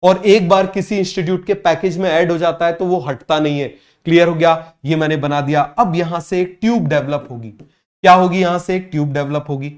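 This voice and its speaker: Male coaching-class teacher with a slightly high voice; drills students with repeated questions and stretches out key terms. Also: steady tone. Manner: repeats every point and asks students to call out answers; drawls key English terms slowly. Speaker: biology teacher.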